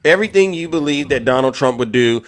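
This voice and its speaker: Loud man hosting a live stream. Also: mid-range voice, animated, fast. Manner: hypes the chat, loud shout-outs.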